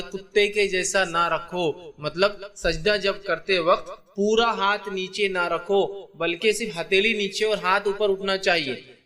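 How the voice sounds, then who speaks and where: Man, religious lecture, bright tone, explanatory, rhetorical questions. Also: sits high. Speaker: Islamic teacher.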